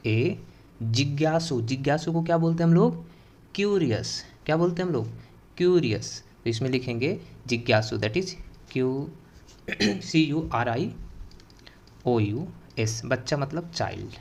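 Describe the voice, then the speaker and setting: A man teaching translation from Hindi to English, slowly repeating words, spelling them out and answering his own questions. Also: mid-range voice. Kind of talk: bilingual translation lesson.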